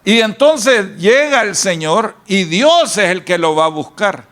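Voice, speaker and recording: A man with a Salvadoran accent preaches in a high, light voice. He tells his sermon like a neighborhood story, full of asides and "¿verdad?" checks with the congregation. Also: big pitch swings, unhurried, a bit bright. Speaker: pastor.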